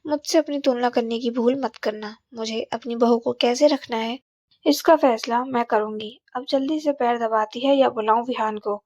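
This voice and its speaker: A scolding, scheming mother-in-law, as a woman storyteller puts her on, high-voiced and commanding. She barks orders in a dry, close sound. The recording is a little dull and muffled. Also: moderate pace, darkish tone, no echo, natural voice. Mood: bossy. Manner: scolding, bossy. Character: domineering, manipulative older mother-in-law.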